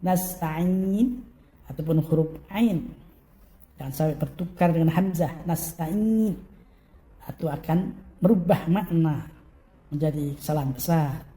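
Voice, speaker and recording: A man teaching careful Quran recitation. His voice is dark and mellow, and his delivery is unhurried, with verses stretched out at length. Between the chanted lines he gives short, quick corrections. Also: on the high side. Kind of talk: recitation lesson.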